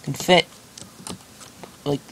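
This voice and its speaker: A man's voice: drawn-out words, fairly bright tone. A young man giving casual gameplay commentary, rambling and joking about himself, with lots of fillers. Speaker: gaming channel host. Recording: noisy home recording with keyboard clicks. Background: keyboard clicks and typing.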